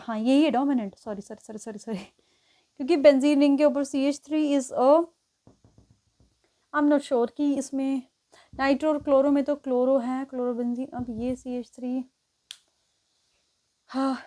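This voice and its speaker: High-voiced woman teaching chemistry. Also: mellow. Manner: explains step by step, counts positions aloud, often checks with "ठीक है". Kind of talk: exam-prep lesson at a board.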